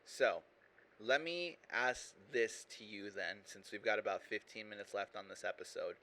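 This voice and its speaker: Animated, bright-voiced man hosting. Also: fairly low pitch, moderate pace, poor audio. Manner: emphatic, insistent, presses his points hard. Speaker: podcast host. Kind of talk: casual podcast chat.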